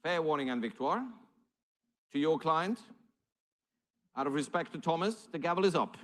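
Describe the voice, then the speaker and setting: A man's voice: on the high side, animated, moderate pace. A man working as an auctioneer, calling numbers and bids live in formal, courteous patter.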